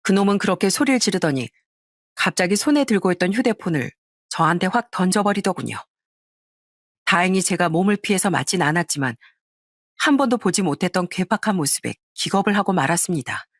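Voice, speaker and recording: A woman's voice: fairly low pitch, lively intonation, brisk, no echo, clean studio sound. A woman narrating a first-person audio story in a confiding, storytelling manner.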